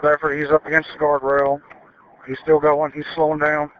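A man's voice: on the high side, completely flat delivery, moderate pace. A man giving clipped, matter-of-fact updates over a police radio during a pursuit. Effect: police radio transmission. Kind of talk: terse radio calls. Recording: muffled radio with faint static.

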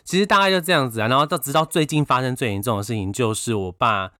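A fast-talking man with a Taiwanese Mandarin accent and a bright, forceful voice, recorded dry and close. He co-hosts a casual chat, telling stories in an animated way that breaks into laughter. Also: medium pitch, dry recording. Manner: animated storytelling with bursts of laughter. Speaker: podcast co-host.

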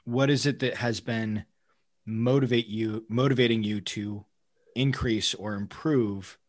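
A man in conversational podcast talk as co-host, thinking aloud in a halting way. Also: on the low side, fairly even intonation.

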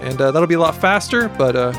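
A man's voice: fairly high pitch, lively intonation, fast. A man hosting a music podcast in casual, enthusiastic chat, often rephrasing himself.

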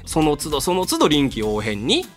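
A man's voice: fairly high pitch, moderate pace, faint music behind. A man with a Kansai accent, a voice actor guest chatting casually and acting out the people he quotes. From Kansai, Japan. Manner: animated storyteller, acts out quotes. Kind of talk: casual chat.

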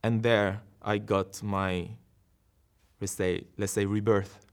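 A man's voice: lowish voice, level tone, slow, clear, resonant tone. Earnest Syrian man telling his story. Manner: earnest, reflective, with short laughs and restarts. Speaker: interview guest, dancer. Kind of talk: personal storytelling in an interview.

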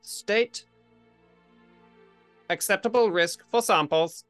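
Lab bench computer played by a man, robotic processing voice, bright and crisp, dry sound. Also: high voice, slow, dry recording, soft background music. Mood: flat robotic. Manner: robotic computer processing voice, clipped repeated status words. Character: talking lab bench computer, flat and literal. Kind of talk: tabletop game roleplay.

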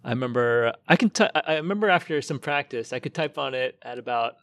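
A man talking as a guest on a podcast, recounting things in a relaxed, thoughtful way with fillers. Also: medium pitch, quick pace, no room sound, studio quality. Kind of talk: casual chat.

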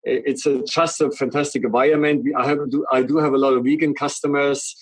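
In poor, dry audio, a company representative appearing as an interview guest talks through a product in long, earnest run-on sentences. He is middle-aged, from Germany, with a strong German accent, and his husky mid-range voice moves fairly quickly with fairly even intonation.

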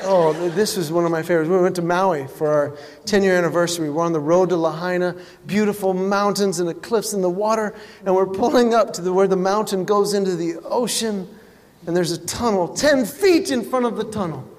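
Middle aged guy doing standup, really high voice, animated storytelling, big echoey hall. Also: a little fast. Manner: animated storytelling with sudden shouts. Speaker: comedian. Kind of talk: stand-up comedy. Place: live stage venue. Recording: live hall reverb with audience noise.

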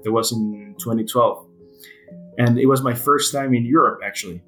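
A man's voice: mid-range voice, normal speed, fairly bright tone, soft background music, rough recording. Hesitant man. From Ecuador. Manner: hesitant, many fillers and restarts. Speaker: guest. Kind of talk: casual interview answers.

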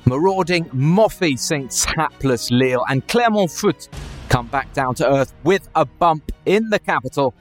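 A man's voice: a little high, animated, measured pace, faint music behind. A man hosting a football podcast in a conversational presenting style. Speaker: podcast host.

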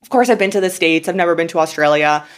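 A young woman from Canada hosts a casual podcast chat, her voice sitting a little low for a woman. She rambles freely, leaning on "like" and "you know" as she restarts her thoughts. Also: fast talker. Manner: rambling, filler-heavy, lots of "like". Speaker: podcast host.

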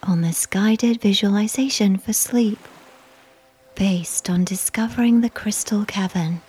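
A woman whispering a slow, soothing guided sleep meditation. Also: mid-range voice, breathy edge. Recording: soft music behind.

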